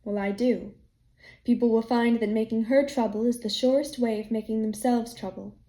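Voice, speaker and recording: Woman doing a grim old farmer guy in a storybook, stern, kinda higher voice. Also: steady tone, dark tone, close to an everyday voice. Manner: brooding, halting, gloomy. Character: gruff older male farmer, bitter and stern.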